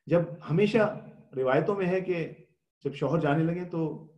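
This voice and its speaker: Man, religious lecture, fairly high voice, rhetorical questions, explanatory, English words mixed in. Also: echoey room, muffled recording. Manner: explanatory, asks rhetorical questions and answers them; mixes English words into speech. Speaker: religious scholar giving a Ramadan talk.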